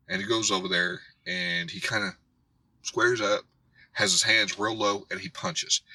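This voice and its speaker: A man who hosts a karate channel, telling a story as a rant to camera in an animated way and acting out others' voices. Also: fairly low pitch, dry recording, poor audio. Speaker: karate instructor and channel host.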